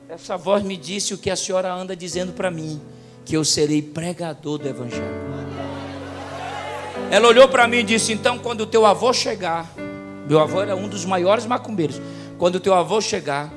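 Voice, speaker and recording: A man with a Brazilian Portuguese accent preaching a sermon, telling stories in a low voice and then rising to loud shouts. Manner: storytelling, swings from quiet to shouting.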